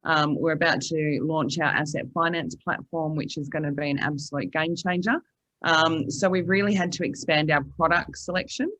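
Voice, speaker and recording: A woman's voice: deep voice, fairly even intonation, moderate pace, a bit bright, low-quality recording. An Australian businesswoman speaking on a conference panel. She talks with enthusiasm, filling her sentences with ums and you-knows. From Queensland. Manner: enthusiastic, many fillers. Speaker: panelist, finance platform representative. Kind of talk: panel answer.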